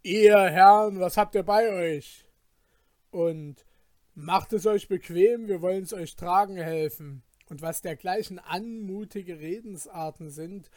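A man's voice: high-pitched, slow pace, darkish tone, no room sound, studio quality. A man voicing a carefree, mocking male journeyman who teases his frightened companion in a read-aloud fairy tale. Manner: teasing, dismissive, jovial.

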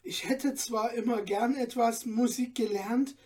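A woman's voice: on the high side, steady tone, measured pace, a little mellow, breathy edge, recorded from a distance, pitched above the performer's own voice. A woman doing a humble young man. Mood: earnest, humble. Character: modest poor young man, humble and sincere. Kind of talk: storybook reading.

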